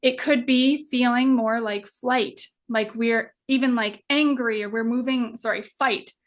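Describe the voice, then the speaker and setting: A woman's voice: on the high side, steady tone, measured pace. A woman business coach teaching a live online masterclass in a casual, chatty way, full of fillers and the odd swear word. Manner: acts out anxious inner voices.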